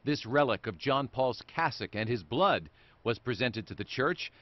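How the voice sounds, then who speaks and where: A man reporting a local TV news story in a measured, formal delivery. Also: mid-range voice, expressive, lo-fi sound.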